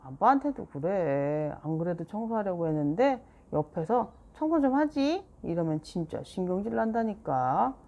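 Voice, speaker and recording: A woman reading a children's book aloud and voicing a gentle father who speaks softly and slowly. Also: lowish voice, sing-song, highs cut off. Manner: soft, slow, soothing.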